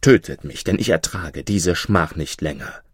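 Man voicing a desperate wronged young prince, deep voice, pleading, storybook. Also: lively intonation, unhurried, slightly rough, no echo, studio quality, full character voice.

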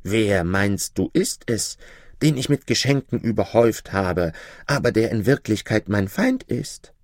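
A man's voice: lowish voice, sing-song, unhurried, no room sound, clean studio sound, pitched below the performer's own voice. A man voicing a proud old-tale king who speaks emphatically and gets indignant, in a storybook reading. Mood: troubled. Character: grateful proud male king, quick to anger.

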